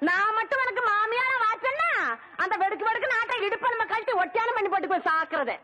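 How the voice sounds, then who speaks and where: A loud, bossy old village grandmother scolds in a film comedy scene. Her voice is shrill, piercingly bright and rapid. She hurls wild threats. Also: heavily acted. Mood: scolding.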